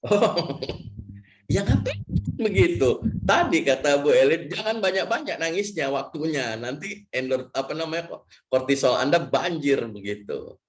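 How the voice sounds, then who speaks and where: A man's voice: on the high side, lively intonation, unhurried. A man giving a conversational religious health lecture, chatty and full of tag questions, who acts out a patient's prayers as he teaches. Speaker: lecturer on prophetic medicine.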